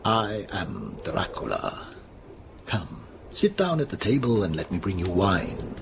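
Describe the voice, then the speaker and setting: Count Dracula, wildly swooping courtly vampire. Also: male voice, sits low, wildly swooping pitch, gravelly, noisy background, exaggerated voice. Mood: grandly welcoming. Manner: formal, deliberate, grandly hospitable. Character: courtly sinister male vampire count, host in his castle. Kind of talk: gothic radio drama acting.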